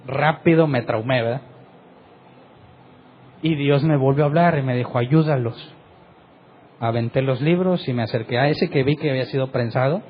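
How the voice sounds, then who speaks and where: A middle-aged pastor delivers a sermon testimony, vividly recounting a personal story and frequently ending his sentences with a question. His voice is mid-range, and the recording sounds dull with a bit of background noise.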